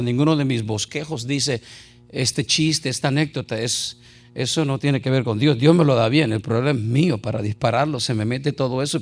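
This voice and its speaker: A middle-aged man preaching an animated sermon full of jokes and anecdotes. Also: mid-range voice, vocal fry. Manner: animated, jokey, shouts and laughs at times.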